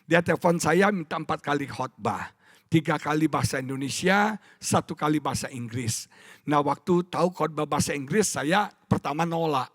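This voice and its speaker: A middle-aged pastor preaching to a church congregation. He tells a personal story, calls out for the audience to answer, and swings from hushed asides to loud exclamations. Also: a little high, animated, moderate pace, no echo, clean studio sound. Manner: storytelling, audience call-and-response. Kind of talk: sermon. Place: church stage.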